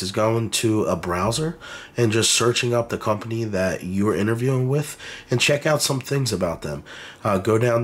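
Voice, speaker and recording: A man's voice: on the low side, fairly bright tone, husky. A man with a congested, nasal sound from a cold, giving casual, encouraging career advice straight to camera, with frequent ums and uhs.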